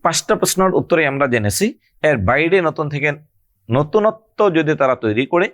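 A man leads an exam-prep grammar lesson, his pitch rising and falling in a lively way as he explains each point. He stretches out key terms and speaks straight to his students. The sound is dry and close, with no room around it. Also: dry recording. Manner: explanatory, repeats key terms slowly, addresses students directly.

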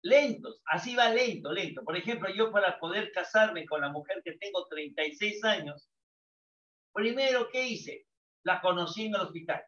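Older man, psychology teacher, animated question-and-answer lecturing, echoey distant lo-fi sound. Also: high voice, moderate pace. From Peru. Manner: lively, asks and answers his own questions. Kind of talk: lecture to students.

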